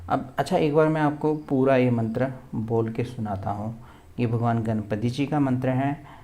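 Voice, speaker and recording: A man teaching a recitation lesson, explaining patiently and then chanting syllables slowly and drawn out, often checking that the listener follows. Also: mid-range voice, vocal fry, dark tone. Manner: keeps asking for agreement.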